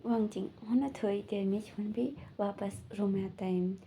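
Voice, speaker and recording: A woman's voice: medium pitch, steady tone, normal speed, dark tone, slight background noise. A woman casually retelling a fan-fiction story in a chatty, loose way, full of fillers.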